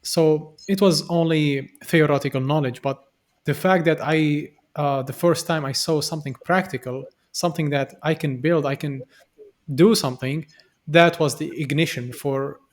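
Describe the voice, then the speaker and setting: A man's voice: fairly high pitch, fairly even intonation, normal speed. A young man from Syria, a podcast guest, speaking earnestly and reflectively with frequent fillers and restarts. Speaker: podcast guest, software developer. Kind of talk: conversational interview.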